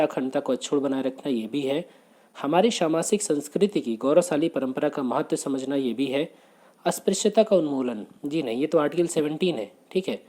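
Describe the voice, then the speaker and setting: A man teaching exam prep, working briskly through quiz questions, asking rhetorical questions and repeating the answers. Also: a little high, mellow. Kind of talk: exam question walkthrough lecture.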